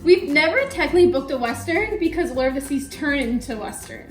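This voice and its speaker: A woman's voice: high-pitched, expressive, a little fast, reverberant, faint music behind. A woman hosting a casual chat at home, cheerfully answering viewer questions and often giggling between remarks. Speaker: host. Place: room at home.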